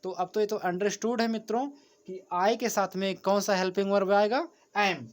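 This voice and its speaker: A man's voice: high-pitched, fairly even intonation, fairly quick. Patient male grammar teacher, repetitive. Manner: patient, repeats points, often addresses viewers as friends. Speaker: English teacher. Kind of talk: explaining a grammar lesson. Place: in front of a board, writing.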